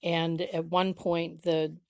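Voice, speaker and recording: A woman's voice: on the low side, little pitch movement, slow, darkish tone, clean tone, no echo. A middle-aged woman talking casually about her old costumes at home, chatty and rambling with frequent restarts. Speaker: vlogger.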